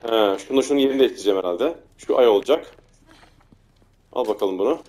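A man casually commenting on his own gameplay, muttering to himself and getting frantic and loud when chased. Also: medium pitch, fast. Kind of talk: casual let's play commentary.

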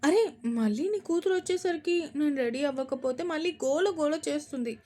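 A strict young mother who scolds her family and stammers when cornered, as a woman reads her in an audio story. The voice is fairly high and close to the reader's own. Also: a little fast, mellow, lightly acted. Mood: flustered.

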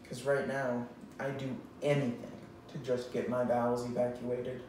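A young man giving a mock-serious dramatic reading, with the hammy, theatrical pauses of a stage actor. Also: mid-range voice, little pitch movement. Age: young adult. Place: indoors in a bare, echoey room. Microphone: distant camera microphone. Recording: very echoey room, far microphone, faint noise.

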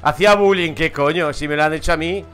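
A gaming streamer from Madrid, speaking with a Madrid Spanish accent, gives casual let's-play commentary, swearing and laughing at his own stories. His voice is fairly high, quick and a bit bright, heard through a headset with faint music behind him.

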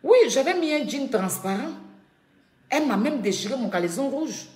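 A woman's voice: high-pitched, expressive, moderate pace, a little mellow. A woman speaking on a live video from her home, indignant and repeating her points with emphasis. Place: at home, echoing room. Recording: echoey room.

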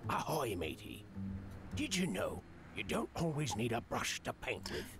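Gruff old fisherman ghost. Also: mid-range voice, wildly swooping pitch, a little slow, music in the background. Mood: jovial reminiscing. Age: older. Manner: gruff old fisherman talk, salty nautical slang. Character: gruff old ghostly sailor, hearty and sly. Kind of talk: video game character acting.

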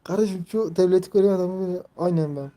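A man in his twenties chats casually on a live stream in a high-pitched, mellow voice at a quick pace. He rambles, leans heavily on fillers, and reads viewers' messages aloud.

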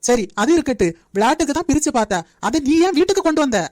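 A woman voicing a cheeky teenage younger brother in a cartoon, mocking and needling fast. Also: sits high, expressive, darkish tone, dry recording, studio quality. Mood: teasing.

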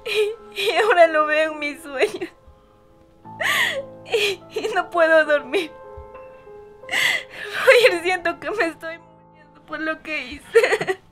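A woman's voice: very high voice, drawn-out words, sharp tone, distant mic, faint music behind, exaggerated voice. A woman playing a sobbing guilt-haunted young wife. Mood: tearful confession. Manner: sobbing, pleading. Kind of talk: dramatized short film.

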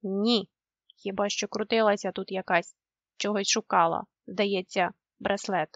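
A woman voicing a calm, learned male professor in a storybook, speaking slowly and deliberately. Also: medium pitch, dry recording, muffled recording. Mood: vague.

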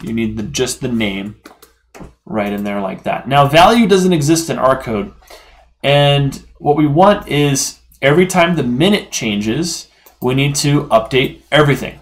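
A man hosting a programming tutorial, talking casually through the code with fillers and self-corrections as he works. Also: medium pitch. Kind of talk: screen-recorded coding lesson.

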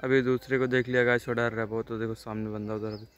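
A man's voice: mid-range voice, little pitch movement, fast, clear, resonant tone. A man vlogging casually outdoors near trees and a farm, chatty and always telling viewers to look. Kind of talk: casual vlog narration. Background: birds and animals calling.

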